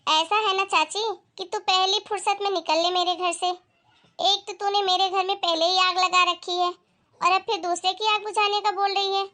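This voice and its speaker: A woman voicing a blunt, sarcastic young woman in a cartoon, talking briskly. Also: extremely high pitch, fairly even intonation, pushed and bright. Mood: scolding.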